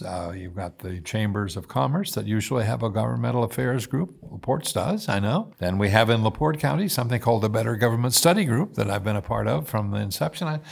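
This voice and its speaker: Gravelly husky old guy in his 80s, slow and thoughtful, lots of uhs. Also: on the low side. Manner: measured, thoughtful, frequent "uh" pauses. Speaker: guest, former mayor. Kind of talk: casual interview talk.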